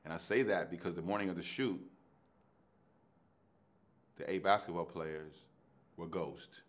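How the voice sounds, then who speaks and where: A middle-aged man, an actor telling his own story in a lively way. He acts out the dialogue in street slang and swings between hushed and loud delivery. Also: sits low, a little slow. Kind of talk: animated anecdotal storytelling.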